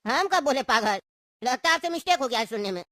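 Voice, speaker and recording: A man's voice: very high-pitched, animated, fast talker, background noise. A voice actor playing a sarcastic grumpy old man in a cartoon. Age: older. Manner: scolding, sarcastic. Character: grumpy old man cellmate, quick to insult. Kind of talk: cartoon voice acting.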